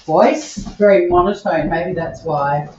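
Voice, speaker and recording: Cooking at home for her stream, a nasal-voiced Australian woman talks casually to her viewers at a fairly low pitch and a slightly slow pace. The recording is dull and very noisy, full of kitchen clatter.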